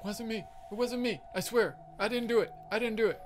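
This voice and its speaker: A man's voice: high-pitched, fairly quick, background noise, voice pushed up, close to an everyday voice. A man voicing a startled mannequin that defensively pleads its innocence.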